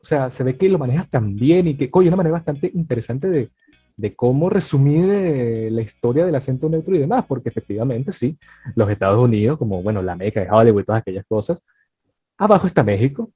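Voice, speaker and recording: A man hosts a relaxed podcast, talking loosely with lots of fillers and animated asides. His voice is a bit husky, and the dry recording sounds slightly dull and lo-fi, with faint music underneath. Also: mid-range voice, fast, no echo. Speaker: podcast host. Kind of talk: casual podcast interview.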